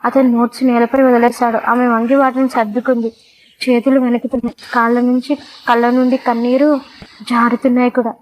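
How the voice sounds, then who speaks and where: Fairly high-voiced woman storyteller. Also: level tone, fairly quick, rough recording. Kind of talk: dramatic story narration.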